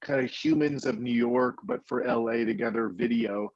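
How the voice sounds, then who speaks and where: Gravelly animated storyteller man. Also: mid-range voice, moderate pace, no room sound, dull audio. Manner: rambling, animated storyteller with many restarts. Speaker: indie film producer, guest. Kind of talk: casual interview chat.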